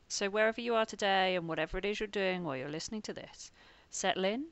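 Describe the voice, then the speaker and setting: A woman's voice: medium pitch, quick pace, clean tone, dry recording. A woman delivering a scripted welcome as a podcast host.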